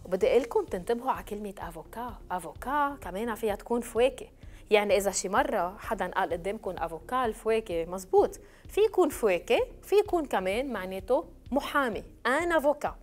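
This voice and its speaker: A woman teaching French words in a televised lesson, stretching out each word and spelling it slowly for her pupils. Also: medium pitch, lively intonation. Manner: slow, clearly spelled-out drilling of words.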